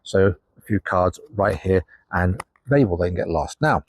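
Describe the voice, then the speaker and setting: An older man with a very low, husky voice talks through card tricks to the camera in a relaxed, chatty patter. His sound is dry and close, with no room echo. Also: unhurried. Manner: chatty, patter-filled with ums and asides. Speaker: magician. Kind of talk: casual card trick demonstration. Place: indoors at a table, facing a camera with a monitor.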